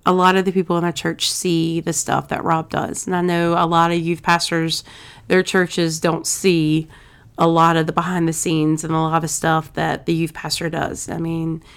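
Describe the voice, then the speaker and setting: A woman talks in an earnest, heartfelt way, and her emotions come close to the surface. Her voice sits a little low for a woman. She chats casually as a guest on a podcast. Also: completely flat delivery, normal speed, smooth. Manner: warm, earnest, gets emotional. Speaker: pastor's wife and podcast guest. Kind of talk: casual chat.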